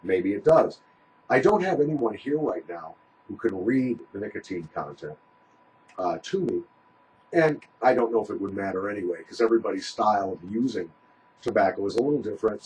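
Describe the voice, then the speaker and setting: A man chats through a casual review with a very lively, swinging pitch. He talks with a small pouch tucked in his lip, in a folksy, rambling way. Steady background noise sits behind his voice. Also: brisk, poor audio. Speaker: product reviewer.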